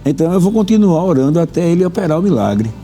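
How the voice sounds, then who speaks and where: A man's voice: a little high, big pitch swings, fast talker, mellow, soft background music. A man hosting a religious talk program as pastor, preaching fervently and repeating phrases for emphasis.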